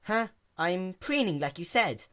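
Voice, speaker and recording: High, petulant young pegasus as a narrator voices it. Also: animated, unhurried, a bit bright. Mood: petulant frustration. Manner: defensive, petulant. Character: frustrated young pegasus orphan pony.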